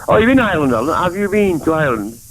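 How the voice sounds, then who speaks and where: Racing along in a sing-song, slightly high voice, a Mancunian man from England calls in to a phone-in show and rambles, jumping between topics. The recording quality is low.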